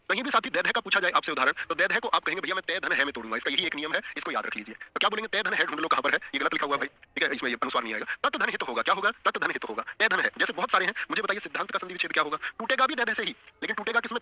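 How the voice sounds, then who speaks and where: A man's voice: sits high, pushed and bright, no room sound. A man teaching an online exam-prep lesson, coaxing the class and repeating his questions.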